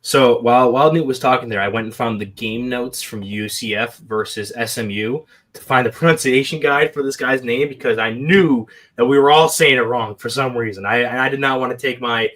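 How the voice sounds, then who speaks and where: A man co-hosts a football draft podcast, explaining a prospect in a mid-pitched, conversational voice. His explanations run long, strung together with fillers. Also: brisk, a bit bright. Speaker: podcast co-host. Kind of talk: podcast scouting talk.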